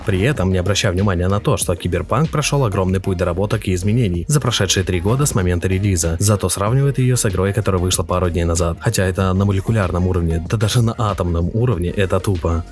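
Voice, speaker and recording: Deep-voiced man narrating briskly. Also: a little mellow. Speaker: video game reviewer. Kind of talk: scripted opinionated video essay narration. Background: faint music.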